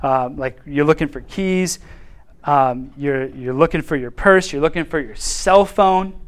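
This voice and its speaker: A man teaching a Bible class in an informal, animated way, acting out quotes and laughing often. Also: a little high, a little slow, smooth.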